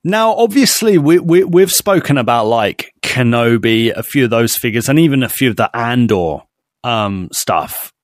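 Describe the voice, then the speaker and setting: A British man hosting a casual chat in an enthusiastic, blokey way full of slang. His voice sits at a medium pitch and sounds dry, with no room around it. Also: expressive, moderate pace, dry recording. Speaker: host.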